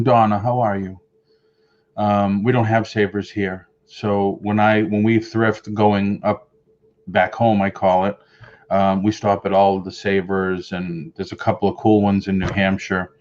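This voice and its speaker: A middle-aged man from the Boston area, with a Boston accent, rambles casually on a home live stream and answers viewer comments from a room lined with shelves of collectibles. His voice is lowish and darkish, and the highs are cut off.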